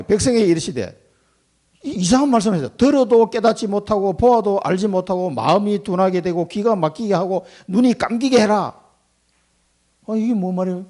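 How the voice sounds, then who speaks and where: A middle-aged male pastor preaching a sermon, acting out prayers and replies in lively quoted voices. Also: sits high. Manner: animated, acts out prayers and God's replies in quoted voices, chuckles.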